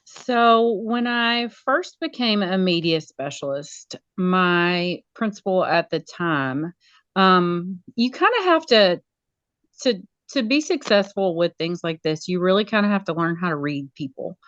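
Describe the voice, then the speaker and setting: A woman with a lowish voice chats casually as an interview guest, a school media specialist. She talks in an animated, storytelling way. The sound is dull and dry, with little high end and no room echo. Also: measured pace. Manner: animated, acts out quoted voices.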